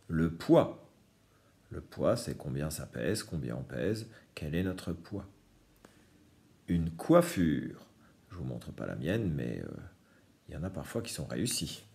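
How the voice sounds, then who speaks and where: A man's voice: sits low, gravelly, a little mellow. A man teaching a reading lesson to young children, patiently explaining each word. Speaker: primary school teacher.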